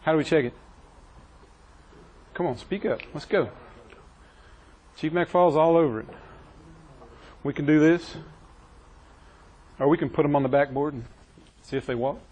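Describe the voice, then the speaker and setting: A man's voice: on the high side, measured pace, long pauses, darkish tone, poor audio. A man teaching a classroom EMS training session, quizzing his trainees and joking with them. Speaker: EMS instructor.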